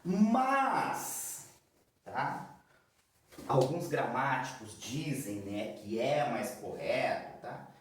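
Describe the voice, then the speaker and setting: Slow echoey man teaching a lesson. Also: medium pitch, animated, recorded from a distance. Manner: slow, repeats example words, frequent "tá?" checks. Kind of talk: grammar lesson.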